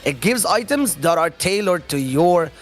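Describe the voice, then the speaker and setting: A man doing live esports commentary, excitable, explaining the game's mechanics. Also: fairly high pitch, unhurried, soft background music. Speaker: esports caster.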